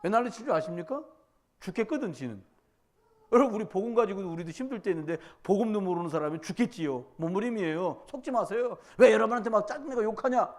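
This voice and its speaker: At a midweek church service, a pastor with a high, animated voice talks fast, alternating loud exhortation with quiet storytelling. He keeps it conversational, frequently questioning the congregation directly.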